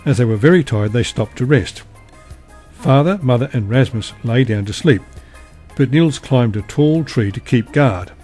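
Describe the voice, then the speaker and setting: A man narrating a bedtime story in a calm, even reading voice. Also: mid-range voice, normal speed, slightly rough, soft background music.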